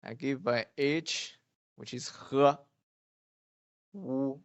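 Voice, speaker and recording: A man gives a beginner pronunciation lesson. He speaks slowly and patiently and calls out example syllables loudly. The sound is dull and lo-fi, with a dry, close feel. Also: medium pitch, gravelly, no room sound. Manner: slow, patient drilling of sounds, often loud on examples. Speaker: Mandarin teacher.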